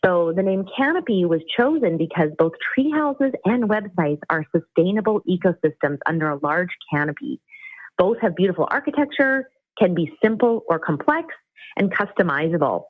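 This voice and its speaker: In interview answers, a woman from Costa Rica steadily describes the web agency she runs. Her voice is on the low side with lively intonation and a moderate pace, heard over a dry, tinny, phone-like line with no room sound.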